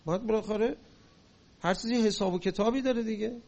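High-pitched man giving a fiery lecture. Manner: rises to forceful shouting on key points. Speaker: speaker. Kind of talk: impassioned religious-political lecture.

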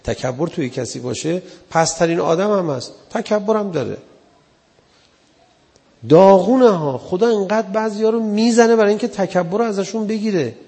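A man's voice: high-pitched, animated, mellow, in a large hall. A man giving an earnest religious sermon in a conversational way, acting out the people he quotes. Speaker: preacher.

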